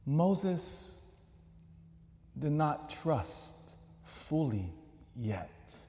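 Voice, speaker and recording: A man preaching a homily as a priest, asking questions and moving from loud emphasis to soft asides. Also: a little high, very animated, extremely slow, slight background noise. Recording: echoey church hall.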